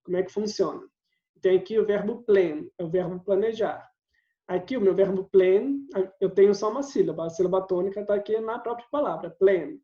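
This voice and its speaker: A man's voice: sits high, a little fast, mellow. A man, an English teacher giving a recorded video lesson, explaining patiently step by step and often checking in with his listeners. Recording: roomy, slightly dull sound.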